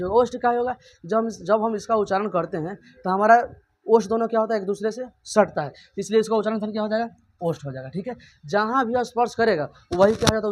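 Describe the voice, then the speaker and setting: A man teaching a grammar lesson. He keeps asking and answering his own questions and repeats every point. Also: high voice.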